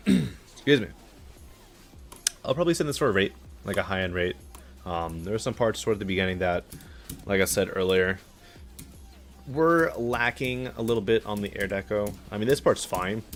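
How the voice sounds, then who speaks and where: A young man with a low, deep voice chats offhand as a streamer, judging game levels with dry sarcasm and lots of ums and likes. Faint game music plays behind him, and keyboard typing is picked up by his desk mic. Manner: relaxed, offhand, with filler words and dry sarcasm. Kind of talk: casual live-stream commentary.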